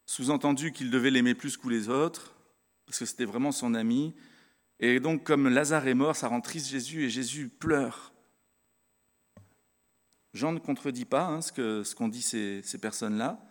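Male preacher, earnest and conversational, talks straight to the congregation; mid-pitched voice, long hall reverb. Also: moderate pace. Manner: conversational, addresses the congregation directly; earnest, stresses his convictions. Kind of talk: sermon with Bible reading.

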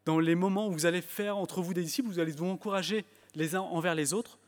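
In a church hall with long, echoing reverb, a high-pitched man preaches in French with an English accent. He talks fast with fairly even intonation, becomes emphatic at moments, and restarts phrases using fillers.

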